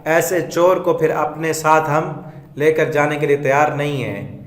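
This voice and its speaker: A man's voice: on the high side, steady tone. A man teaching a word-by-word Quran translation lesson, reciting Arabic phrases and then explaining them in plain conversational Urdu with hesitant fillers.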